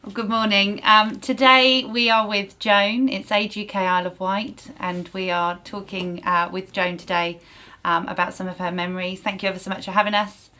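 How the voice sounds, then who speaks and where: A woman hosting a podcast, giving a hesitant, measured conversational introduction. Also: medium pitch, flat delivery, sharp tone. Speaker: podcast host introducing the guest.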